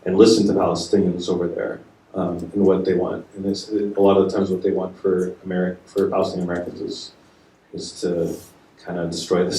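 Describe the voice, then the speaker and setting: A very deep, flat, dark-toned man speaks as a panelist, halting and restarting often. His voice comes from far off in an echoey room. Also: slight background noise. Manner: halting, many fillers and restarts. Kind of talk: panel discussion. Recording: echoey room, distant mic.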